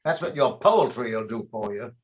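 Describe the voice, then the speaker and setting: A man's voice: medium pitch, lively intonation, normal speed, natural voice. A man playing a blunt, argumentative, practical theatre man in a stage play reading, blustering as he talks. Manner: blustering, interrupting.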